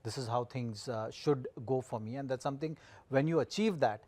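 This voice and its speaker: A man analysing cricket as a pundit, circling his points haltingly with repeated phrases. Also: mid-range voice, dark tone, no echo. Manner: halting, repetitive phrasing with frequent "you know". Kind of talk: studio match analysis.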